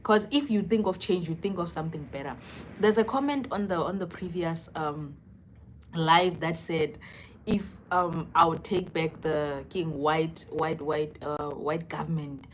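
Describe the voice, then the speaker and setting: A young South African woman chats casually and expressively on a livestream, slipping between English and local languages in a conversational way. Her voice is low and unhurried, and the rough recording carries slight background noise.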